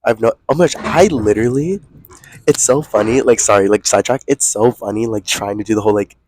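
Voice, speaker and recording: A man's voice: on the low side, fairly quick, a little mellow, no echo. A young American man co-hosting a podcast in casual, gossipy, slangy chat full of exclamations. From US East Coast, Connecticut. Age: young adult. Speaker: podcast co-host. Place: aboard a moving train. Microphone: close podcast microphone.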